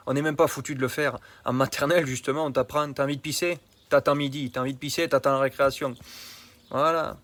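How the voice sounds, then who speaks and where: A man's voice: medium pitch, a bit bright. Chatty male health coach vlogging. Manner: colloquial and familiar, addresses the viewer directly. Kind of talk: casual vlog monologue.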